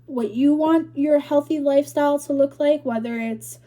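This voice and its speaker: A woman's voice: high voice, normal speed, warm tone. A young woman vlogger chatting casually to camera, rambling and filling her talk with "like", a little out of breath. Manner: rambling, full of "like" fillers.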